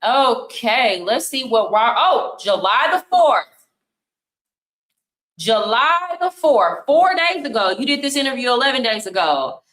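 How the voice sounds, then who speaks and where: Blunt bright-voiced woman streamer. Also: high-pitched, roomy sound, rough recording. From United States. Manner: blunt, scolding, talks over clips. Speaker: streamer reacting to clips. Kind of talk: casual livestream commentary.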